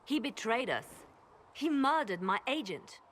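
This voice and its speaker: A woman's voice: a little high, animated, measured pace, fairly bright tone, a little hiss or hum. An actress playing a cold, ruthless woman spymaster in a video game, clipped and commanding. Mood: stern.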